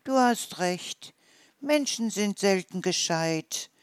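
A storyteller voicing a small, clever forest mouse with a lively, mocking manner. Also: medium pitch, takes it slowly, smooth, no echo, pitched above the performer's own voice.

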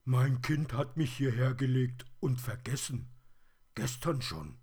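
A man voicing a lonely, forgotten plush teddy bear in a storybook reading, with a high and plaintive manner. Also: sing-song, unhurried, a little mellow, husky, full character voice. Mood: lamenting.

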